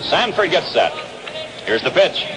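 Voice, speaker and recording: Loud music plays behind this American man as he calls a baseball game, his voice a little high, very animated and unhurried. He works in the manner of 1960s radio sports play-by-play from an outdoor ballpark, captured on a noisy 1962 radio broadcast.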